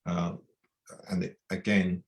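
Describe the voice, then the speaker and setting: Hosting an online community event, a British man speaks in a very deep, creaky voice. His delivery is measured and level, with little pitch movement, and he often restarts phrases as he goes.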